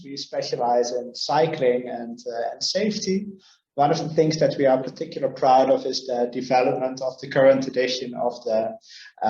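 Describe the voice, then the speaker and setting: A man's voice: medium pitch, darkish tone. Man, webinar host, hesitant with fillers, roomy muffled video call. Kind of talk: webinar introduction.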